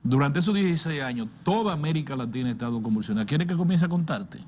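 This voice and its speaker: An older man from the Dominican Republic, with a Caribbean Spanish accent, gives opinionated political commentary on a talk show, repeating words and firing off rhetorical questions. His fairly high voice is a little mellow, with lively intonation and a quick pace. There's slight background noise.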